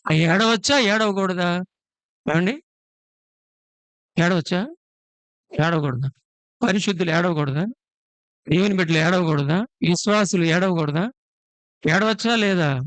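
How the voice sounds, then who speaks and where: A man's voice: sits high, sharp tone, clear, resonant tone, no echo. A male preacher, giving a sermon to his church and firing rhetorical questions at the congregation. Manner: switches between slow drawn-out phrases and quick runs.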